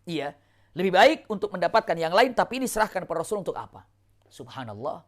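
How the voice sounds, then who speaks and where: A woman's voice: on the low side, quick pace. A woman, telling an Islamic religious story in a lecture and answering her own rhetorical questions. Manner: animated, asks rhetorical questions and answers them.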